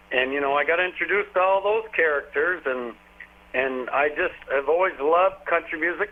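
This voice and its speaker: A country singer from Vermont in his 40s does a casual phone interview, telling rambling, folksy stories full of fillers. His voice is a little high and comes through a tinny telephone line.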